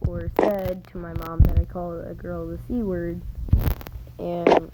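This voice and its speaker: A young person telling a rambling school story while playing a game, acting out other people's lines in bursts. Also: female voice, fairly low pitch, little pitch movement, a little slow. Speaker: gaming vlogger. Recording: noisy game capture with clicks.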